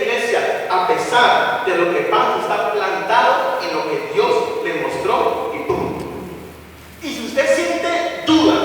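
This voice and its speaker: A man's voice: sits high, fairly bright tone, a little hiss or hum. A man preaching a sermon in a church, emphatic, quizzing the congregation with call-and-response questions. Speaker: pastor. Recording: echoey hall, voice from a distance.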